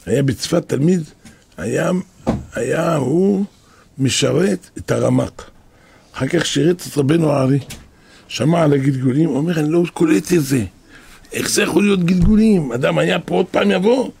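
A man's voice: a little high, vocal fry, darkish tone, breathy edge. A man, a rabbi, telling stories in a sermon, repeating phrases for emphasis and acting out what people said. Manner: repeats phrases for emphasis, acts out quoted speech. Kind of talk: storytelling sermon.

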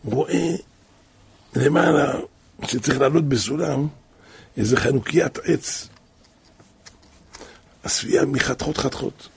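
A man's voice: mid-range voice, gravelly, long pauses, breathy edge. A man telling a story aloud, speaking emotively and growing more intense at the dramatic moments. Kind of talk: spoken storytelling.

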